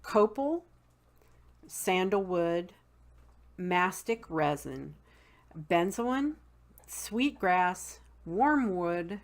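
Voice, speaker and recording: Woman, Southern accent, lowish voice, slow and chatty, a teacher who says um often. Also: expressive. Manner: unhurried, many ums, spells words out. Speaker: host. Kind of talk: casual teaching talk.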